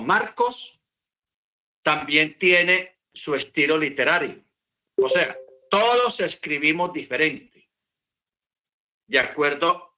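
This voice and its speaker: A man's voice: mid-range voice, pushed and bright. A man teaching about the Bible in an unscripted talk, repeating his points and asking rhetorical questions.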